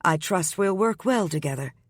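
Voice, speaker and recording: A man voicing a nervous young woman, a new assistant, who speaks shakily but keeps a crisp, polite front. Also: high-pitched, expressive, no echo, studio quality, voice pushed up. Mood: shaky, crisp. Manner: shaky yet crisp, brisk politeness.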